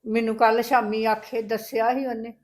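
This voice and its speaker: An older woman playing a doting granny, soothing, fairly high voice, family drama. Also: level tone, brisk, a little mellow, natural voice. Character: doting old grandmother, spoils granddaughter. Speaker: grandmother.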